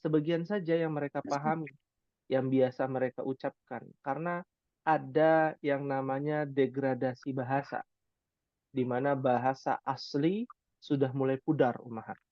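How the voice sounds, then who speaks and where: A man's voice: medium pitch, fairly even intonation, normal speed, dry recording. Man teaching Arabic, dry lo-fi sound. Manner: conversational, rhetorical questions, frequent "ya" fillers. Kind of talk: online class lecture.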